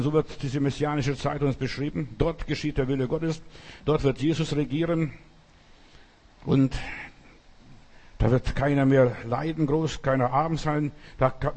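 Man preaching, emphatic sermon, husky voice, fairly high pitch. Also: darkish tone.

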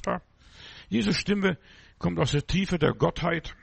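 A man preaching a sermon as a pastor, speaking slowly and emphatically and tagging his phrases with a short affirming "ja". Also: high voice, gravelly, slightly rough. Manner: slow, emphatic, punctuates phrases with "ja".

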